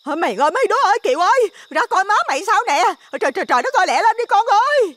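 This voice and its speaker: A gossipy, flustered village neighbor woman, voiced by a male narrator in a shrill raised register. She stammers and doubles her words with a Southern Vietnamese twang, heard slightly distant, as in a spoken ghost story. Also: very animated, racing, sharp tone, exaggerated voice. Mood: wailing. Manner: stammering, repeating words in a rush.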